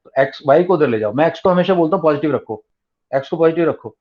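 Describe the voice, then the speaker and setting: A man's voice: fairly high pitch, expressive, fast talker. A male maths tutor teaching an online class, mixing Hindi and English and explaining step by step with repeated key terms. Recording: dull lo-fi online class audio.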